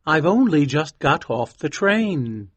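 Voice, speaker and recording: A man voicing a reserved, polite young gentleman in an audiobook, speaking with restraint. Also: a little high, very animated, slow pace, dry recording, heavily acted. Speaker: Winterbourne. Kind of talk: audiobook dialogue acting.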